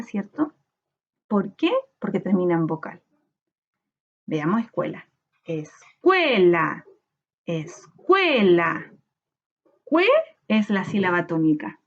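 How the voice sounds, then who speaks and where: A woman teacher with a Chilean Spanish accent, giving a recorded lesson and sounding out syllables slowly. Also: mid-range voice, darkish tone, highs cut off. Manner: slow, sounds out syllables in a drawn-out voice.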